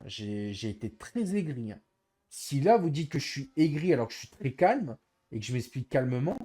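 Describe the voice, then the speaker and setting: A man's voice: mid-range voice, dark tone, husky. A male streamer chatting casually to his live viewers, exasperated and explaining himself over and over.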